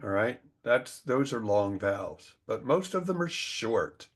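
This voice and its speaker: A man's voice: medium pitch, sing-song, measured pace. A man teaching an online English class, patiently explaining vowel sounds and pronunciation rules over a video call.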